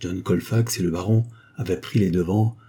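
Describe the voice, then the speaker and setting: Low, husky male audiobook narrator. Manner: steady, measured reading. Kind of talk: scripted narration.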